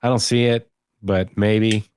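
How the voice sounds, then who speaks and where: A man co-hosting a film podcast, bringing up news items in casual chat with a measured, hesitant delivery. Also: fairly low pitch, steady tone, darkish tone, smooth, no echo. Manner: measured, hesitant, many uh fillers. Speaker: podcast co-host presenting news.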